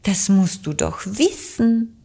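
A woman voicing a proud, cheerful little witch girl who exclaims loudly in a storybook reading. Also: mid-range voice, lively intonation, takes it slowly, vocal fry, husky, faint music behind, heavily acted. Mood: boastful.

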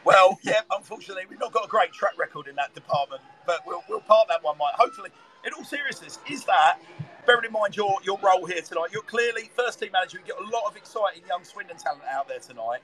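A high-pitched man with a bright, forceful tone and lively intonation rattles off wordy, informal commentary and interviews at a quick pace from a football commentary box. The live stadium broadcast is noisy, full of stadium ambience with faint music behind.

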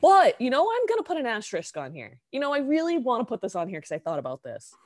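A young woman co-hosting a chatty podcast, her voice sitting a little high and swinging widely in pitch. She talks in an animated, casual way, throwing in a curse now and then and laughing easily. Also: quick pace, no echo, studio quality. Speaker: podcast co-host. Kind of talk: casual chat.

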